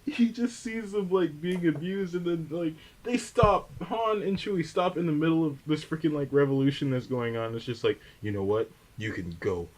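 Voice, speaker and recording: A man's voice: fairly high pitch, moderate pace, few pauses, rough recording. A young man co-hosting a casual podcast movie discussion, exasperated, swearing and leaning on "like" as he retells scenes. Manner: exasperated, swearing, filler 'like'. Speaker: podcast co-host.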